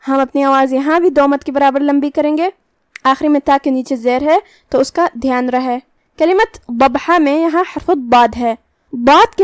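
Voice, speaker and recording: A woman teaching Quran recitation, calmly explaining each letter and its rule, then reciting slowly. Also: sits high, no echo. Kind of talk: tajweed lesson with slow recitation.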